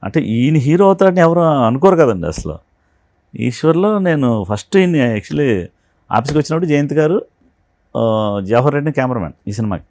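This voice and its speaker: A man, a film art director, telling animated stories from a film shoot in an interview and acting out the dialogue. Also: medium pitch, moderate pace, pauses often, no room sound, studio quality. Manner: animated storyteller who acts out quoted dialogue. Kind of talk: anecdotal interview storytelling.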